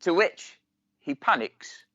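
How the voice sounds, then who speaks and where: A podcast co-host chats casually, cheeky and teasing, cracking crude jokes. His voice is slow, pushed and bright, with a dull, lo-fi, dry sound and no echo.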